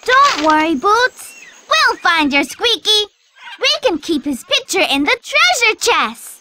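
A young actress voicing a cheerful girl explorer in a children's game, coaxing the player along in an upbeat way, with loud game music behind. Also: extremely high pitch, very animated, a little slow, background noise, heavily acted.

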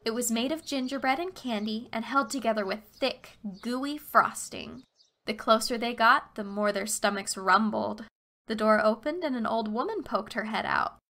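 A woman narrating a children's fairy tale expressively, slowing down for emphasis. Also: on the high side, bright, forceful tone.

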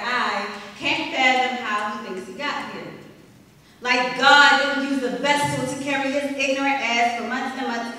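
Young woman, spoken word poet, bright high voice, echoey hall from a distance. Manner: rhythmic, emphatic, confrontational delivery with rising punch lines. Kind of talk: spoken word poetry performance. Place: small arts center stage, indoors. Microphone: stand mic, filmed from the audience.

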